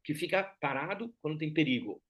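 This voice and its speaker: A male teacher with a German accent gives an explanatory lecture. His voice sits a little higher than most men's. He speaks didactically, often adding small questions to check that listeners follow. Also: lively intonation, a little fast, a bit bright. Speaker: Enneagram teacher.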